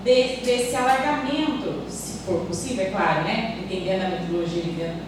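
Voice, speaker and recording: A woman's voice: mid-range voice, a little fast. A Brazilian woman at an academic panel, asking the speakers a question in a tentative, circling way. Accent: Brazilian Portuguese. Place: university amphitheater. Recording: echoey hall, distant mic, noise.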